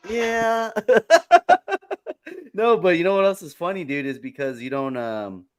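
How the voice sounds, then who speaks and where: A man's voice: on the high side, a little slow, clean tone, no room sound, studio quality. A man hosting a casual chat on a video call, loose and rambling with lots of filler. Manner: loose, rambling, says dude a lot. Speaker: host.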